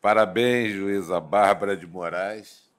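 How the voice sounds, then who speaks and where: A man's voice: low voice, unhurried. A man chairing a session, formally congratulating the speaker.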